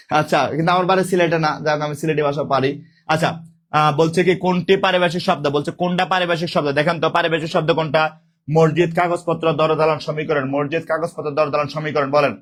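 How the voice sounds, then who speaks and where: A man teaching a live online exam-prep class with a sore throat, speaking softly, repeating questions and calling out students' names. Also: fairly high pitch, fairly even intonation, brisk. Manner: repetitive, calls out student names and drills questions.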